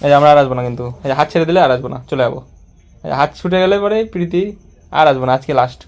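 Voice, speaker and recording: A man's voice: on the high side, very fast. A man filming a casual home vlog, teasing and coaxing a child in a playful way, often repeating his words. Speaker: vlogger.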